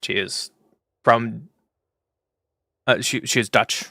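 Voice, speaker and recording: Young male streamer, gravelly, casual profane banter while playing. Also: medium pitch, steady tone, takes it slowly, sharp tone, no echo. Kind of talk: casual gaming stream chat.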